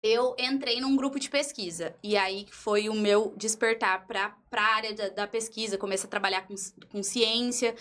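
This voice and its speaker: Unhurried young woman guest. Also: a little high, a bit bright. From Brazil, interior of São Paulo state. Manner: unhurried, with frequent restarts and fillers. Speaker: startup founder, guest. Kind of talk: casual interview storytelling.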